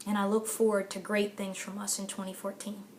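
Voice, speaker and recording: A woman's voice: medium pitch, flat delivery, brisk, darkish tone, a little hiss or hum. A middle-aged woman giving an impassioned motivational address to camera, emphatic and repeating phrases for stress. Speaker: author giving a talk to camera.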